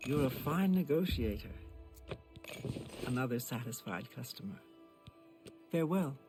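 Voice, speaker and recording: An actor voicing an eager, flattering clothes merchant in a fantasy video game. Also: male voice, medium pitch, measured pace, faint music behind. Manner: salesy, flattering. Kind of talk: video game character acting.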